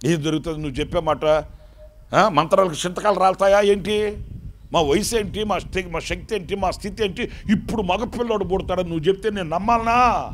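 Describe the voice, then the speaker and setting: A man's voice: a little fast, slight background noise. A man preaching who voices an old male priest, scoffing in disbelief and later struck mute and babbling. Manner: babbling strained high syllables. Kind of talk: sermon storytelling.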